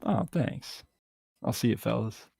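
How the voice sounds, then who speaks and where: A man guesting on a podcast, chatting casually in a halting way full of fillers and restarts. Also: mid-range voice, lively intonation, gravelly, warm tone, husky, dry recording, studio quality. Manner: halting, filler-heavy, laughs easily. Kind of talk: casual chat.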